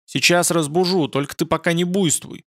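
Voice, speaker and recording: A man voicing a frightened guard, nervous and hurried. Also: medium pitch, steady tone, fairly bright tone, dry recording, studio quality, close to an everyday voice. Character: frightened male guard behind a door.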